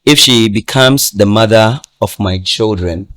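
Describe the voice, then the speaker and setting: A man's voice: lowish voice, unhurried, a bit bright. A man giving advice in a casual podcast discussion, emphatic and repetitive, checking that listeners follow him. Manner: emphatic, repeats "do you understand?", laughs often.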